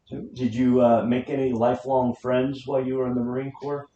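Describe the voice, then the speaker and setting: A man's voice: medium pitch, flat delivery, fairly quick, dark tone. An American man interviewing someone, asking simple questions in turn. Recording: muffled, echoey room, faint noise.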